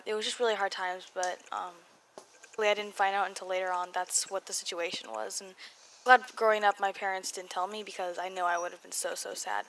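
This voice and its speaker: Medium in pitch and a bit bright, this woman's voice belongs to a young video blogger from California with an American accent. Braces slightly muffle her words as she tells her story in a casual vlog voice-over, rambling and breaking in with jokes at her own expense.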